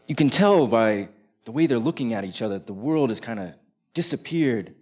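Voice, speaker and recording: A man's voice: mid-range voice, lively intonation, a little fast, a little mellow. A man performing a live stage story in vivid present tense, building to comic punchlines before an audience.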